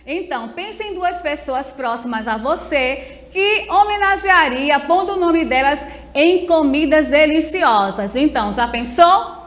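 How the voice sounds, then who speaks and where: Brazilian woman teacher, high voice, unhurried and patient, reverberant room. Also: lively intonation, fairly bright tone. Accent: Brazilian Portuguese. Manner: slow, patient, syllable-by-syllable explaining. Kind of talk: remote class lesson.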